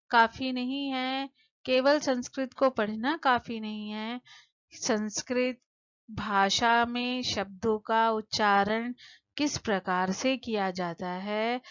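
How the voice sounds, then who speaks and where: A woman teaching a lesson to children, patiently asking questions and answering them, slowing down to spell out word forms. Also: fairly high pitch, no room sound, dull audio. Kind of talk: explaining a textbook lesson to children.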